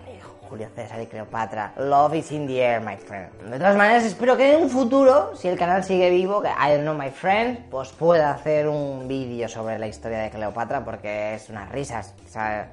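A woman's voice: very deep voice, normal speed, few pauses, darkish tone, faint music behind. A Spanish woman from Spain telling history in a playful, slangy comic style, dropping in English catchphrases. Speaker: history vlogger.

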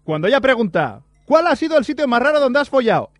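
A man presenting his own segment on a comedy radio show, deadpan and mock-complaining. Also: extremely high pitch, fast, no echo, faint music behind.

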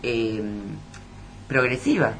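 Host: Rioplatense man, mid pitch, easy conversational tone, faint noise under studio audio. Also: big pitch swings, slow pace, fairly bright tone. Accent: Rioplatense Spanish. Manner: conversational, agreeing, brief interjections. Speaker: radio host. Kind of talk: radio interview.

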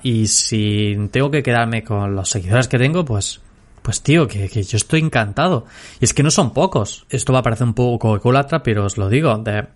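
A young man from Spain with a Castilian Spanish accent hosts a solo podcast, chatting informally and rambling as he addresses listeners directly in slang. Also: medium pitch. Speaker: podcast host and social media creator. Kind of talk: casual solo podcast chat.

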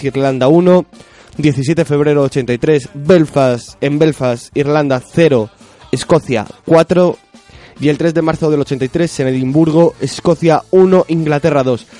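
A man's voice: mid-range voice, mellow. A man, a guest on a radio show, rattling off dates and scores and joking loosely as he goes. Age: 20s. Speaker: guest, rugby fan. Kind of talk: casual radio interview.

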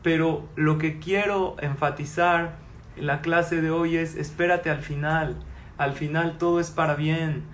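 A man in his forties leads a religious class before a live audience, his voice sitting a little high for a man. He keeps it animated and peppers the room with rhetorical questions. The sound is roomy and echoey, with a faint hum of noise underneath. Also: a little slow. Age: 40s. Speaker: Torah teacher.

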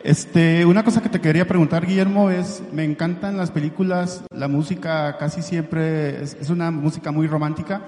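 Admiring audience member, hesitant, long hall reverb. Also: male voice, on the high side, fairly even intonation, normal speed, few pauses, darkish tone. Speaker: audience member asking a question. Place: large lecture hall.

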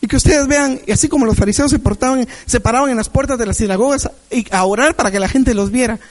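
A man's voice: extremely high pitch, fast, low-quality recording. A man preaching a Sunday sermon in a church, sharing a personal testimony with emphatic repetition.

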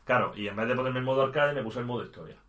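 A man's voice: medium pitch, very fast, a bit bright. A man chatting casually about video games, thinking aloud and restarting his sentences.

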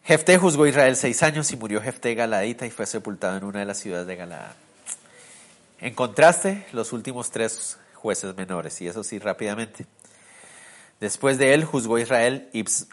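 Animated preacher man giving a sermon. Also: on the low side. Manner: animated, swings from loud to soft; asks the listeners rhetorical questions.

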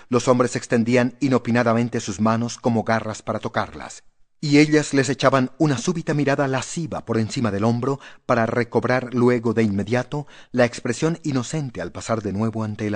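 Male audiobook narrator, measured and steady, mid-pitched horror reading.

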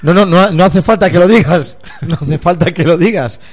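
A man hosting a comic radio show, asking quick, teasing questions and cracking jokes. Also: high voice.

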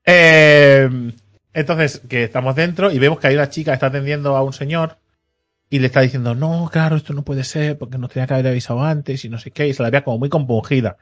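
A man's voice: mid-range voice, fairly even intonation, quick pace, a bit bright, faint music behind. A man hosting a podcast, telling a story in casual chat, acting out the people he quotes with a teasing edge.

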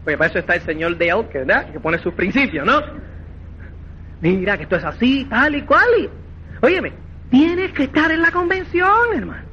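A man giving a motivational network marketing seminar, animated and acting out quoted dialogue, repeatedly checking that listeners follow. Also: extremely high pitch, fairly quick, highs cut off, slight background noise. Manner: animated, acts out quoted dialogue, keeps asking "¿me entiendes?".

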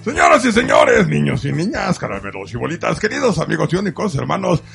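Booming Mexican ringmaster-style show host, a man. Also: huge pitch swings, brisk, creaky, a bit bright, faint music behind. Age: middle-aged. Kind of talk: theatrical show introduction.

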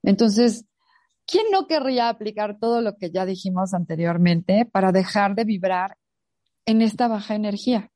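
Mellow-voiced woman telling stories. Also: medium pitch, moderate pace, no room sound. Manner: animated storytelling, acts out quoted voices. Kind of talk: casual chat.

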